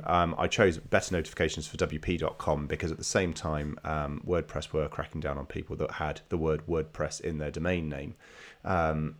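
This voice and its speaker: A man with a nasal, stuffed-up voice from a slight cold, talking casually as a podcast host. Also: extremely low pitch.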